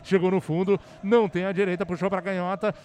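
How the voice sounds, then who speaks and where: A man giving explosive football goal commentary, excitedly shouting and stretching out key words. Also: sits high, fast, slight background noise.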